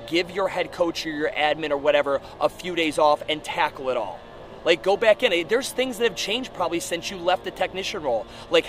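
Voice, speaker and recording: A man's voice: fairly high pitch, a bit bright. A man giving a blunt, profane, casual podcast monologue as a gym owner, speaking outdoors on a rooftop. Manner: profane, blunt, informal coaching talk. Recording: outdoor urban noise with traffic.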